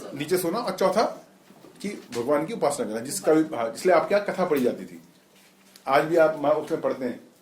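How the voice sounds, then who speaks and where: A man's voice: fairly high pitch, big pitch swings, moderate pace, darkish tone, slight background noise. Man teaching a class in an echoey room. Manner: chatty, explains with questions to the class. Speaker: spiritual teacher.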